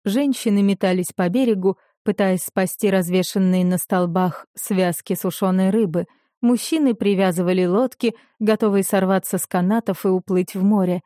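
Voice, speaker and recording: Woman, audiobook narrator, warm low-toned voice, dry close sound, expressive scripted reading. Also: normal speed, dry recording.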